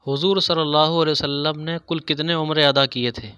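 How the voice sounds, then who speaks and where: Man, quiz host, scripted narration, sharp bright tone, smooth clear voice. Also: a little high, level tone, no room sound. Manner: reads each question, pauses over the options, then states the answer.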